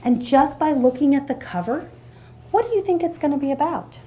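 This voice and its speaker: A woman tutoring a young child in reading one-on-one, gentle and encouraging. She praises often and drops her voice to a soft near-whisper. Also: high-pitched, lively intonation, brisk, slight background noise.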